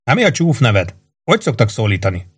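A man voicing a wary young male prisoner who speaks in hushed whispers. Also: lowish voice, huge pitch swings, breathy edge, heavily acted.

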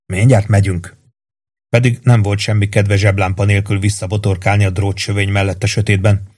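An audiobook narrator with a fairly low male voice reads a novel aloud. His scripted narration is steady and measured.

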